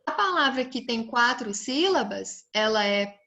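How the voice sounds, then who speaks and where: A woman's voice: on the high side, expressive, a little slow, sharp tone. A young Brazilian woman teaching a recorded lesson to children, stretching out words and asking the pupils questions. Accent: Brazilian Portuguese.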